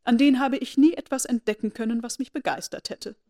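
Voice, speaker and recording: A woman's voice: fairly high pitch, normal speed, a little mellow, natural voice. A woman reading aloud, voicing a jealous, spiteful young society lady who needles and belittles. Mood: disdainful. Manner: snide, needling.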